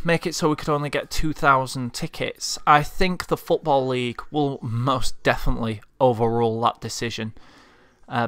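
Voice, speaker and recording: A man from Leeds, England, with a Leeds Yorkshire accent, delivers a frustrated, heartfelt vlog rant as a football fan in an impassioned monologue. His voice is medium-pitched, smooth and fairly bright, with no room sound.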